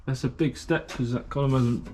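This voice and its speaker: In a hot garage workshop, a man with a British English accent rambles chattily through a workshop vlog as he builds a race car, using lots of fillers and sounding a little out of breath from the heat. His voice is medium-pitched, steady, and dark in tone at normal speed, with slight background noise.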